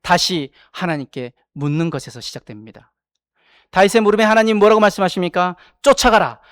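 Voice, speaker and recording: A male pastor delivers a sermon in a high-set voice with an animated, swooping pitch. He drives his points with stacked parallel statements and questions to the congregation. The sound is close and dry, with little room echo. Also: brisk, clean tone. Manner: rhetorical preaching with repeated parallel phrases and questions to the congregation. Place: church sanctuary.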